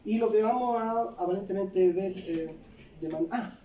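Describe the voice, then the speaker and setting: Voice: mid-range voice, a little slow, warm tone, a little hiss or hum. Physiology lecturer, chatty classroom lecture, lots of tag questions, roomy lecture hall, sounds distant from the mic. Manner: conversational, checks in constantly with tag questions.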